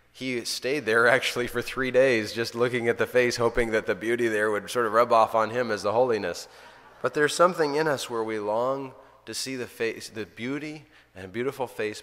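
Earnest priest in a reverberant hall. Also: male voice, lowish voice, a bit bright. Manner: earnest, storytelling, often restarts sentences. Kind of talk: informal spiritual talk.

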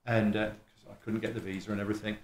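With a lowish voice and rapid-fire delivery, a middle-aged man preaches in a small church hall, slight background noise behind him. His accent blends East Midlands English with some Welsh, and he's animated and conversational, self-deprecating, and acts out people's speech. He uses a lectern stand mic and is filmed by a camera across the room.

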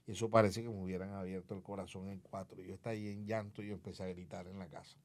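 Guy, kinda low voice, telling his life story all vivid like, doing everyone's lines. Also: level tone, racing. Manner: vivid storytelling, acting out remembered dialogue. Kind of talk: personal testimony in conversation.

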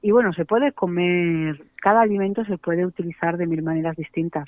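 A woman's voice: on the low side, fairly quick, dry recording. A woman, a macrobiotic cooking guest on a radio interview, chatty and explanatory, with many tag questions. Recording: dry, tinny phone line.

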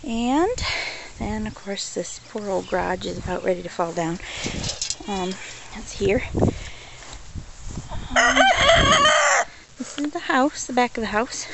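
A woman's voice: mid-range voice, expressive, slow pace, creaky, long pauses, heavy background noise. A middle-aged woman chatting casually as she walks and films a tour of her farm outdoors, talking to her animals now and then. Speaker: homesteader giving a farm tour. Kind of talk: casual walking vlog narration. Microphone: handheld camera, filming while walking. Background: goats bleating, chickens.

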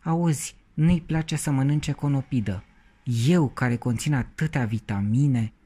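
A man's voice: mid-range voice, dark tone, breathy edge, pitched above the performer's own voice, lightly acted. A man voicing a proud, touchy female cauliflower who scolds in a haughty tone.

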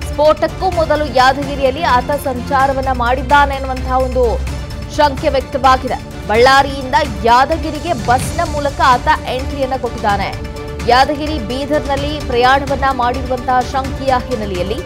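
A young adult woman, a news anchor, reading scripted news with a steady, urgent cadence in a TV studio. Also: high-pitched, normal speed. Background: news music bed.

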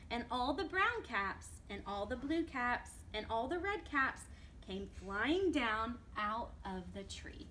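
A woman children's librarian reading a picture book aloud at preschool storytime, slowly and expressively, asking the children questions. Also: a little high, sharp tone, a little hiss or hum.

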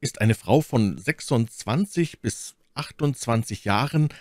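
A man's voice: mid-range voice, lively intonation, measured pace, dry recording, studio quality, pitched above the performer's own voice, natural voice. A man voicing a hot-blooded young man who speaks with urgency and emphasis. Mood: urgent.

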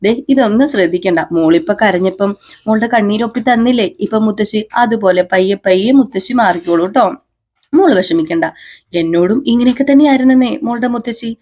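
A woman voicing a gentle, patient young wife who talks in a coaxing, pleading way. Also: medium pitch, fairly quick, lightly acted. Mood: soothing.

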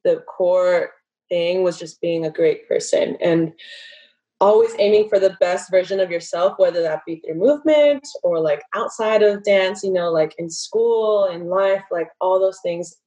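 A woman's voice: fairly low pitch, unhurried, warm tone, poor audio. A woman in her twenties, a dancer and podcast guest, talking casually over a laptop video call and filling her speech with "like" and "you know". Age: 20s. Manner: chatty, many fillers like "like" and "you know". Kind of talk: casual interview conversation. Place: bedroom at home. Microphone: laptop webcam on a video call.

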